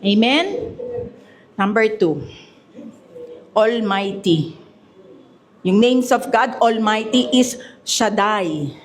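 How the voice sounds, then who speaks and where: A woman's voice: medium pitch, expressive, very slow, pauses often. A woman pastor preaching a sermon at a church service, mixing Tagalog and English and calling out "Amen?" to the congregation. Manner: preaching with call-and-response Amen; switches between Tagalog and English.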